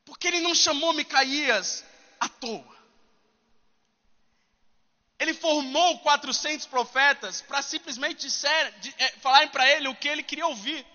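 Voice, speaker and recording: A preacher delivers a lively, humorous sermon, talking straight to his listeners. His voice is very high and bright, and a long reverb trails off it. The sound is a little dull. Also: moderate pace. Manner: animated, humorous, addresses the congregation directly.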